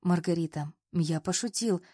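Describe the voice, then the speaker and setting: A woman reading the part of a teasing, easygoing young male boss in an audiobook, playful and then softly apologetic. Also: lowish voice, normal speed, no room sound, clean studio sound, natural voice. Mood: mild.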